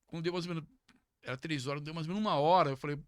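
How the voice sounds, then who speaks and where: A middle-aged man telling a story as a podcast guest, casual and lively, jumping up in pitch whenever he quotes someone. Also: racing, dry recording. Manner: animated, jumps to high pitch when acting out quoted speech.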